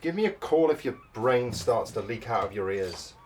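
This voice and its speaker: A fretful fiancé in a screen drama, played by an actor, pushing anxiously and cracking dry jokes. His voice sits at a middle pitch. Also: expressive, normal speed, darkish tone, slight background noise, natural voice. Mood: worried. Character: worried, teasing young fiancé.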